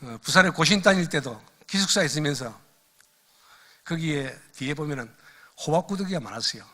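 A lively older man lectures as a missionary, his pitch leaping up and down as he recounts his past. His voice is bright and forceful, and he laughs at his own stories. His delivery sits a little high for a man. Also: normal speed. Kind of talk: lecture with personal testimony.

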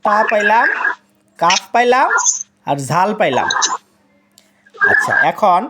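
A woman's voice: medium pitch, expressive, takes it slowly, very noisy. A woman teaching an online Quran lesson, patiently repeating each letter sound to demonstrate it.

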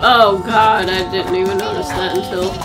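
A woman's voice: medium pitch, steady tone, moderate pace, music in the background, low-quality recording. A woman chatting while playing a game, laughing and easily startled. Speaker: gaming channel co-host. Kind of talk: casual gameplay chat.

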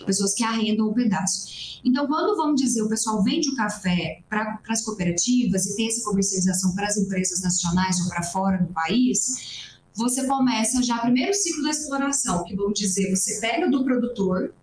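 The young Brazilian coffee farmer speaks briskly in a mid-range, darkish voice, giving a long, earnest interview explanation with frequent restarts. She's on a video call from a small room at home via a laptop webcam, so the audio is roomy, with slight background noise.

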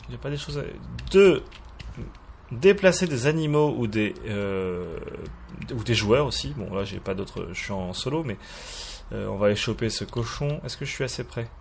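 Guy rambling through a game mod demo, lots of ums, mid-pitch voice, bit of hiss behind. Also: moderate pace, creaky. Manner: hesitant, many fillers and restarts; self-mocking, chuckles at himself. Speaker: YouTuber presenting a game mod. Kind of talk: casual gameplay commentary.

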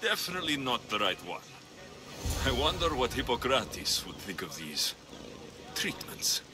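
A man's voice: medium pitch, very animated, measured pace. An actor playing a blunt, wry male mercenary warrior in a video game, direct and a little impatient. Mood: skeptical, impatient. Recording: music behind the voice.

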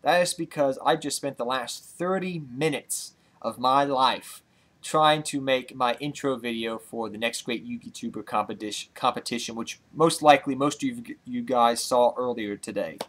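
A young man hosting a card-game channel, out of breath and talking in a rambling, excitable way that repeats itself. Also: mid-range voice, moderate pace. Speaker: channel host. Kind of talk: casual card-game vlog.

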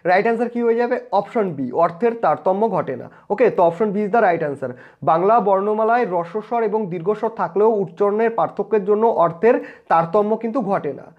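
Man, West Bengal Bengali accent, exam-prep tutor, repeats questions, reads options, high voice, dull lo-fi audio. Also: fast. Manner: repeats each question, reads options, mixes English words. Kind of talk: quiz walkthrough lesson. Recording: dull lo-fi sound.

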